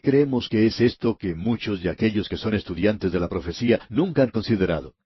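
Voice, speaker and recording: A man's voice: lowish voice, expressive, a little fast, breathy edge, no echo. A man giving a radio Bible lesson in an earnest, emphatic way, speaking directly to the listener. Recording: dull lo-fi radio recording.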